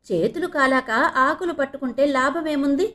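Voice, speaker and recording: A woman's voice: high voice, moderate pace, fairly bright tone, pitched above the performer's own voice. A woman voicing a playful young female medical student in an audio novel reading. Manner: playful, teasing.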